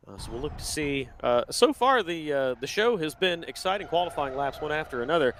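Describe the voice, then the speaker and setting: A man calling laps as a sim racing commentator, giving steady play-by-play and often correcting himself. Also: fairly high pitch, fairly quick, a little hiss or hum.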